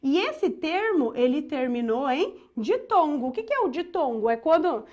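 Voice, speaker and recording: A Brazilian woman teaches an exam-prep lesson in a high, bright-toned voice. Her pitch leaps and dips a lot as she walks through each point. She keeps checking in with her listeners as she goes. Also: sing-song, normal speed, muffled recording. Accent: Brazilian Portuguese. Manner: explains step by step with frequent checks like "tá?" and "ó".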